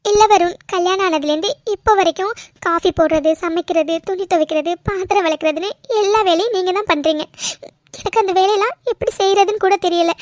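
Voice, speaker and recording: Brief: a performer playing a guilt-ridden young doctor wife in a cartoon, very high-pitched, close and dry. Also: dry recording. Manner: pleading, soft-spoken.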